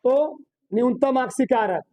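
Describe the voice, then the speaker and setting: Speaking unhurriedly in a mellow, very high-pitched voice, a man lectures a chemistry class in Hindi with no echo in the recording. He keeps asking his students questions and answering them himself, and he repeats key terms to emphasize them.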